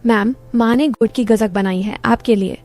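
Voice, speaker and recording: Woman reading a shy young male patient, hesitant and bashful, mellow tone. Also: a little high, fairly even intonation, normal speed, natural voice.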